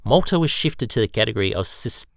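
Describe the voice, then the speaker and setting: A man's voice: on the low side, lively intonation, fast, gravelly, no room sound, studio quality. A man, teasing his co-host and joking around while they record lines in a casual blooper session. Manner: playful, teasing.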